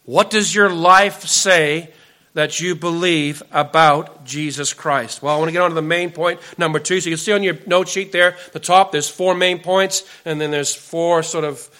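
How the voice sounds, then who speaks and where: A man's voice: on the high side, steady tone, moderate pace, sharp tone. A man preaching a sermon as a pastor, earnest and emphatic, building lists of points for the congregation.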